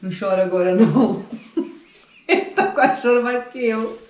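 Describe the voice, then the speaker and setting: A woman's voice: a little high, moderate pace, darkish tone. A woman talking casually to her viewers in a vlog, chatty and giggly as she shows off the result. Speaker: vlogger. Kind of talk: casual vlog talk to camera. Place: barbershop, then home. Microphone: phone camera held by others. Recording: echoey room, faint background noise.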